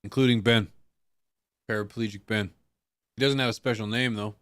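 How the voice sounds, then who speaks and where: Low-voiced male streamer in loose chat. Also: fairly even intonation, normal speed, fairly bright tone, no room sound. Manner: loose, rambling, swearing, with restarts. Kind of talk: casual chat. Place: home streaming setup.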